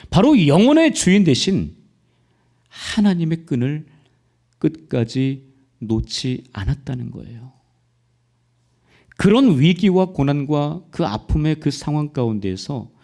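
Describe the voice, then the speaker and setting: A male pastor preaching a sermon, with impassioned delivery that rises to near-shouting peaks and direct rhetorical questions to the congregation. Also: on the high side, creaky.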